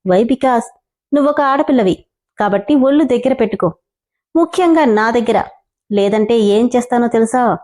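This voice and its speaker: A cocky young boss sneers and taunts his rival in a storybook reading, played by a woman narrator. His voice is fairly high and soft-toned. He stays sarcastic and threatening. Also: moderate pace, long pauses, lightly acted. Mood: taunting. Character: arrogant young male boss, vengeful and sneering.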